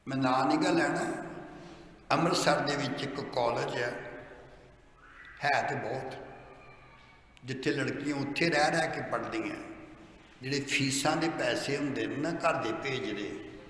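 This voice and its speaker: A man with a Punjabi accent preaching a sermon as pastor, urging the congregation to answer out loud. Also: medium pitch, unhurried, pauses often. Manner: preaching, urging the congregation to call back loudly. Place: church hall. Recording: echoey hall with faint room noise.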